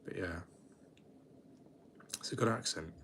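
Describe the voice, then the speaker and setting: A twenty-year-old British man with a low, deep voice talks to his livestream in a relaxed, rambling way, often restarting his sentences. Faint background noise sits under his voice. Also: unhurried. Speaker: livestream host. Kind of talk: casual late-night livestream chat.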